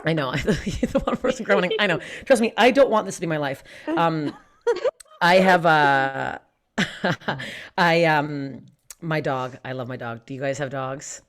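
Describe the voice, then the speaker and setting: A woman's voice: low voice, measured pace. A young woman comic from Canada working an online stand-up set. She is brash and self-mocking, swears freely, and often laughs through her own punchlines. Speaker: stand-up comedian. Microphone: streamed stand-up.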